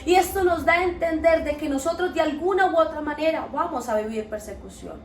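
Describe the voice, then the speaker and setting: Woman preaching, high voice, echoey room, mic kinda far off. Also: a little fast. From Colombia. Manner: earnest, steady and exhorting, with rhetorical questions. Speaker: podcast host teaching Bible principles. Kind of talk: preaching talk. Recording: echoey, distant mic, faint music behind.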